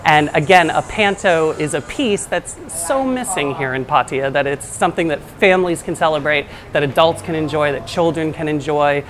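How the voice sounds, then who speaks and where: A man's voice: on the high side, moderate pace, hardly any pauses, over music. A man with an American accent giving an interview as a theatre group's founder and director. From United States.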